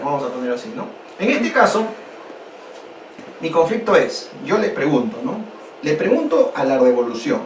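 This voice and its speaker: A man from Peru teaching a history lesson online, asking his students rhetorical questions in an animated way. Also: high-pitched. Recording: echoey room, distant mic, faint noise.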